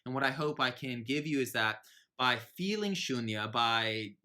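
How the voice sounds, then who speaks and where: A man gives a meditation lesson in a casual, exploratory manner, often pausing with small fillers as he searches for words. His voice is bright and forward, and it sits at an ordinary middle pitch. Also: lively intonation. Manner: reflective, searching, many fillers. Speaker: yoga teacher.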